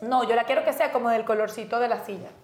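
A woman's voice: fairly high pitch, steady tone, fast, darkish tone. A woman in casual chat with her husband, insistent and affectionate. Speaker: co-host. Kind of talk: casual banter with spouse. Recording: echoey room.

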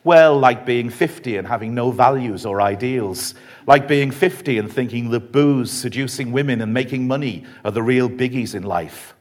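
A man's voice: mid-range voice, normal speed, lightly acted. A man voicing a terminally ill young man in his twenties who speaks plainly and steadily. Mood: matter-of-fact. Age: 20s. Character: dying young man, calm and matter-of-fact.

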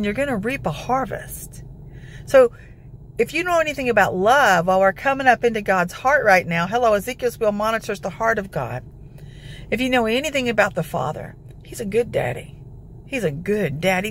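Gravelly-voiced woman preacher, background noise. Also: medium pitch. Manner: emphatic, declarative, peppered with scripture citations. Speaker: intercessory prayer preacher. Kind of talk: informal devotional exhortation.

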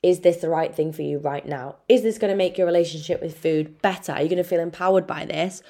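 A woman's voice: on the low side, fast, mellow. A young Irish woman, a nutritionist hosting her own podcast, talking casually and frankly, swearing freely and calling the listener babe. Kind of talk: casual solo podcast talk.

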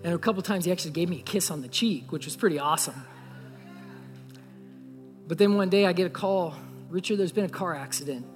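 A young pastor with a voice that sits high preaches a sermon in a church sanctuary, talking fairly quickly but leaving long pauses. Earnestly, he tells a story and speaks straight to the congregation. The hall is echoey, with faint music behind him.

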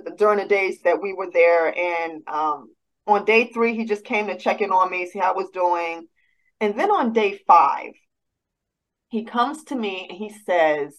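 A woman's voice: mid-range voice, poor audio. Woman telling an emotional faith story. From United States. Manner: halting, many restarts, rising as she grows emotional. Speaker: guest sharing a personal story. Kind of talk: personal testimony, emotional storytelling.

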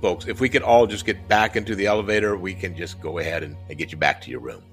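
A man playing a polite older hotel clerk who keeps calming upset guests. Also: deep voice, fast talker, faint music behind. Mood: placating. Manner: placating, soothing, polite. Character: smooth older male hotel desk clerk.

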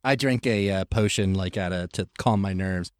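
A man as a player in a tabletop role-play, playful and quick with banter. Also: deep voice, clean tone, no room sound, clean studio sound.

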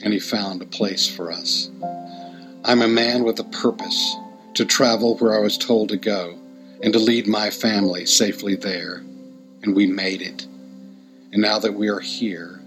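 A man voicing a watchful, determined young husband who speaks firmly in a deeper voice, with music playing behind. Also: steady tone, a little slow, lightly acted, rough recording. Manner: firm, deeper voice.

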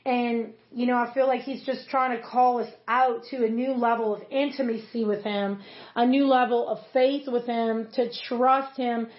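A woman's voice: a little high, steady tone, moderate pace. A woman pastor giving an earnest, conversational devotional teaching, with many casual fillers. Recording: roomy, slightly dull recording.

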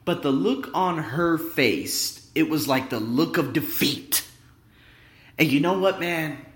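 A man in his thirties with a fairly high voice delivers an animated, rambling pep-talk as a podcast host. His words ring off the walls of a bare, echoey room at his work, so the sound is roomy and far from dry. He leans on emphatic asides and talks straight to his listeners. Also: slow. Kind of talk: motivational solo podcast monologue. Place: indoor room at his workplace. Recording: echoey room with big reverb.

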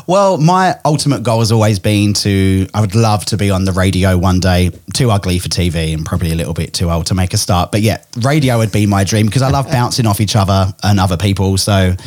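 An event host and podcaster in his thirties from England, with a mixed English and Australian accent, chats casually in a podcast interview at home. He's self-deprecating and quick to joke, and his voice is deep and darkish.

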